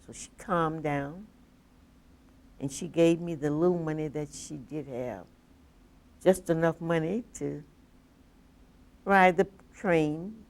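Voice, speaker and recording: Older woman interviewee with a deep, gravelly voice who tells stories at a slow pace and acts out the dialogue. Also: darkish tone. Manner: vivid, acts out quoted dialogue. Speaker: oral history interviewee. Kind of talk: personal storytelling.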